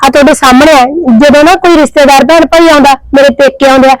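Actress as a whiny young bride, high voice, dry close sound. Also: female voice, fairly even intonation, fast, no echo, natural voice, rough recording. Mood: pleading. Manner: whiny, pleading. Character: young daughter-in-law, sulky and self-pitying. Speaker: actor in a family skit. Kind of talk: scripted domestic skit acting.

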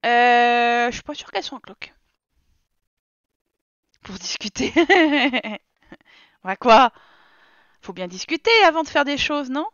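A woman's voice: high-pitched, expressive, takes it slowly, pauses often, a bit bright, clean tone, no echo, dull audio. A woman streamer giving casual let's-play commentary, talking to and scolding her game characters in an exasperated way. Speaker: gaming streamer.

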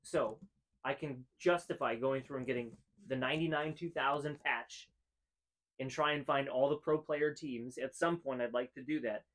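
A man's voice: medium pitch, normal speed, fairly bright tone. A man in his thirties co-hosting a casual chat show, talking in an opinionated, emphatic way and repeating phrases to drive a point home. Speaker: co-host. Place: room full of hanging jerseys.

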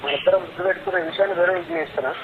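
Agitated high-voiced man on noisy phone line. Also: steady tone, very fast. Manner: confrontational, threatening, repeats demands and questions. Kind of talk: heated personal phone argument. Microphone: telephone line. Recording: leaked phone call, tinny, very noisy.

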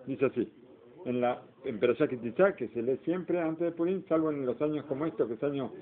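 A man's voice: mid-range voice, brisk. A man teaching an informal Torah class, explaining step by step and asking the class questions. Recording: tinny phone-like recording.

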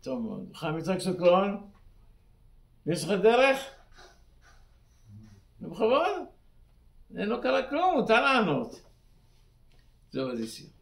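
Rabbi, halting Spanish full of terms, high voice, roomy echo. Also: male voice, huge pitch swings, creaky. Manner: halting, simple Spanish mixed with Hebrew terms. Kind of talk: weekly Torah sermon.

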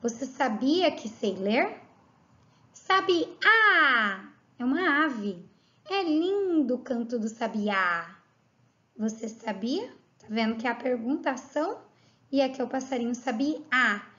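A Brazilian woman with a high voice gives a children's grammar lesson. She speaks slowly and patiently, spelling each point out. The audio is a little dull and lo-fi. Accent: Brazilian Portuguese. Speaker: teacher.

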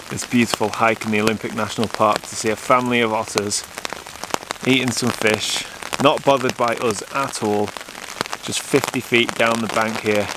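A man in his thirties, a landscape photographer, chatting eagerly to a handheld camera outdoors in a rain forest. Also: medium pitch. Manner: enthusiastic, chatty, excitable. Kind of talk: casual vlog to camera. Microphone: camera mic, handheld close. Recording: heavy rain noise on the mic. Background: steady rain falling.

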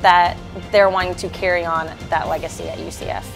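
A woman's voice: on the low side, little pitch movement, brisk, vocal fry, over music, poor audio. A woman interviewer asking a conversational, friendly question.

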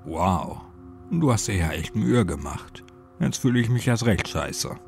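A man's voice: lowish voice, big pitch swings, a little slow, vocal fry, faint music behind, heavily acted. A man voicing an easygoing, forgetful young boyfriend who jokes and turns sheepish, in a spoken horror story.

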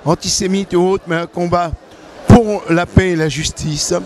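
An older man giving a measured, hesitant statement into a handheld microphone at an exhibition stand. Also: high voice, steady tone, darkish tone, a little hiss or hum. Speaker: interviewed activist. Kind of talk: interview statement. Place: indoor exhibition hall stand.

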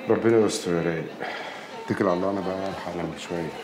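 An actor playing a wary, gruff older Egyptian gang elder in a film drama. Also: male voice, low-pitched, racing, noisy background, natural voice. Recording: roomy film scene with music.

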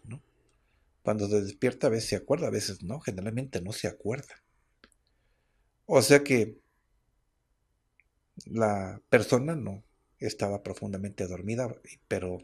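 A man's voice: on the low side, slightly rough. A man, a radio host explaining herbal medicine in a chatty way and often asking his listeners for agreement. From Mexico. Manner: chatty, explaining, with frequent tag questions. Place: radio studio.

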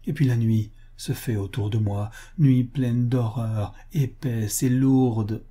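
A heartbroken young bride, trembling and pleading through her grief, as a male audiobook reader puts her on. The voice is dark and mellow with a husky edge. It rises higher than the reader's own voice when she cries out. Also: fairly even intonation, takes it slowly. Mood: distraught. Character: grief-stricken young woman, sobbing bride. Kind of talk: audiobook character reading.

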